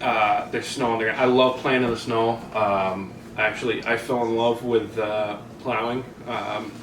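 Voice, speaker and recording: A man's voice: lowish voice, steady tone, measured pace, a bit bright, a little hiss or hum. Interview guest, male, Vermont accent, casual and self-deprecating rambler, distant mic in an echoey room. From Vermont, US Northeast.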